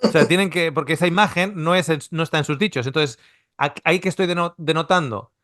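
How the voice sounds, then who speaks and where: Teaching a Bible seminar in Australia, a middle-aged Spanish man, a native Spanish speaker, explains things conversationally, restarting often and asking rhetorical questions. He talks fast in a fairly high, fairly bright voice. The audio is dry and clean, like a studio.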